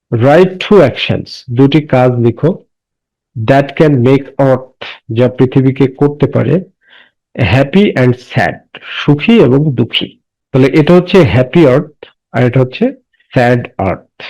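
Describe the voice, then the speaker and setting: A man teaching a class. He asks questions and answers them himself, and reads English sentences slowly and deliberately. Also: medium pitch, mellow. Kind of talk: classroom lesson explaining English words in Bengali. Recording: dull lo-fi recording.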